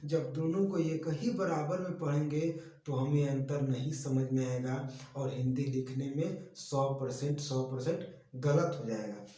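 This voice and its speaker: Slow sing-song male teacher, echoey room. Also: mid-range voice, steady tone, dark tone. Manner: slow, drawn-out sing-song teaching voice, speaks both sides of a pupil dialogue. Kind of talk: Hindi reading lesson for children.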